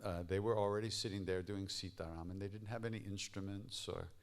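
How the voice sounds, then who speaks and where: A man leading a live devotional workshop, telling stories in a relaxed, anecdotal way and chuckling at his own tales. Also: low-pitched, brisk. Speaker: devotional chant leader and teacher.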